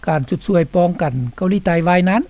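A woman's voice: fairly low pitch, steady tone, fast talker, dark tone, no room sound. A woman reading scripted documentary narration for a radio report. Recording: dull, slightly lo-fi, dry studio sound.

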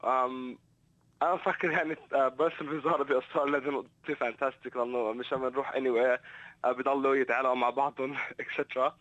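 A young man from Sydney, giving halting, informal interview answers that switch between two languages. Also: medium pitch, little pitch movement, fairly bright tone, no echo, muffled recording. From Sydney, Australia. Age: young adult. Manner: hesitant, halting. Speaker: student guest. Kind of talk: informal interview, mixing Arabic and English.

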